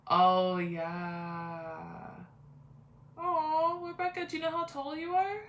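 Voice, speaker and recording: A woman's voice: sits high, flat delivery, takes it slowly, fairly bright tone, echoey room. A woman in her twenties hosting a casual livestream, chatty and rambling, greeting viewers by name. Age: 20s. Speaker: livestream host. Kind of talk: casual live chat with viewers.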